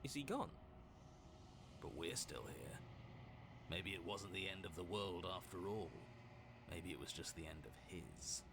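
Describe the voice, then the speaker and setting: An anxious inner voice of a hero. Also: male voice, deep voice, animated, unhurried, pauses often, background noise. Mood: uneasy. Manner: worried, pleading, questioning. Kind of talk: video game voice acting.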